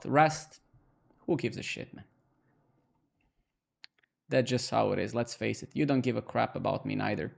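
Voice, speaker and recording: A man's voice: mid-range voice, gravelly, a little mellow. A man chatting casually on a live-coding stream, mocking and taunting his viewers with a laugh and some swearing.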